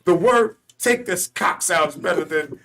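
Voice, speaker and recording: Animated joking male radio co-host. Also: high-pitched, vocal fry, distant mic, a little hiss or hum. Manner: joking, halting, stops and restarts while teasing. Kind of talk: casual banter among co-hosts.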